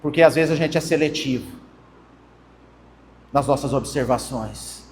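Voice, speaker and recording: A man's voice: mid-range voice, unhurried. A young man with a Brazilian Portuguese accent preaching a conversational sermon and addressing the congregation as brothers. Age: young adult. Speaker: pastor. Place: church hall. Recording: long church hall reverb.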